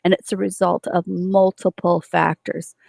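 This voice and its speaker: A woman's voice: on the low side, flat delivery, measured pace, vocal fry, a little mellow, dry recording. A woman teaching a nursing class, explaining step by step with many fillers and restarts. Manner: explanatory, with frequent fillers and self-corrections. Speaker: nursing instructor. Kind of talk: recorded lecture.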